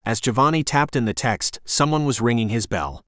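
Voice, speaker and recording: A man narrating a fantasy audiobook in a steady, even reading voice. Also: mid-range voice, moderate pace, no room sound, studio quality. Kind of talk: scripted narration.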